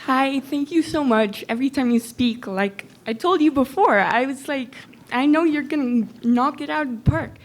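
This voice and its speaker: A woman's voice: sits high, moderate pace, few pauses. A woman from El Salvador, an audience member, asking a long, reflective question at a public Q&A with many "um" and "like" fillers.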